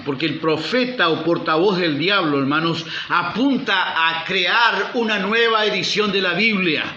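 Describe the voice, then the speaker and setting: A man's voice: a little high, bright, forceful tone, slight background noise. A male pastor preaching a sermon, firing rhetorical questions at the congregation and calling for amen. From Uruguay. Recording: roomy, slightly dull church recording.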